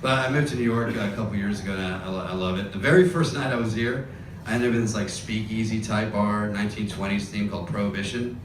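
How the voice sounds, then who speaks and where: A man from Georgia in the US doing a stand-up set, wry and chuckling through his punchlines, heard from a distance in an echoing club over loud crowd noise. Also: on the low side, quick pace. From grew up in Georgia, US. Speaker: stand-up comedian. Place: comedy club stage. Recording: roomy club, far mic, loud crowd.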